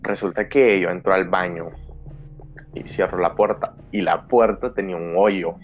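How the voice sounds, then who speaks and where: Man, very low voice, dramatic storyteller, dull lo-fi sound, faint music. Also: fairly even intonation, moderate pace. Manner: dramatic storyteller who acts out his own fearful past self. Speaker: podcast host. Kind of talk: recounting a personal scary story.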